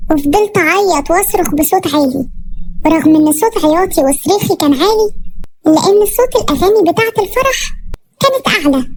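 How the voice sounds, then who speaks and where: A woman's voice: very high-pitched, darkish tone, a little hiss or hum. A woman with an Egyptian Arabic accent telling a cartoon story in first person as a frightened, tearful girl. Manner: fearful, tearful girl's telling.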